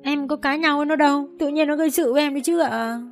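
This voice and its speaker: A woman's voice: sits high, rapid-fire, faint music behind, voice pushed up. A woman voicing a spiteful, jealous hostess who sneers and taunts in an audiobook story. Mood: tattling.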